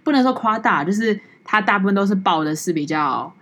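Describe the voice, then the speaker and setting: A woman co-hosting a podcast in casual chat, relaxed and supportive. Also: medium pitch, a little fast. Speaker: podcast co-host.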